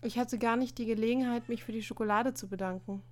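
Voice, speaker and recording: A woman's voice: fairly high pitch, steady tone, fast talker, close to an everyday voice. A woman reading an annoyed teenage schoolboy. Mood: irritated. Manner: annoyed, defensive retorts.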